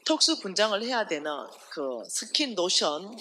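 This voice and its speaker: A woman preaches a testimony at a revival, her bright, forceful voice rising and falling widely as she acts out the story. She keeps asking her listeners rhetorical questions. Faint noise sits under the talk. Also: mid-range voice, normal speed. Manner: animated storytelling, acting out quoted voices; addresses the audience directly with rhetorical questions. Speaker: ministry staff speaker at a revival meeting. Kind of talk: testimony sermon to a congregation.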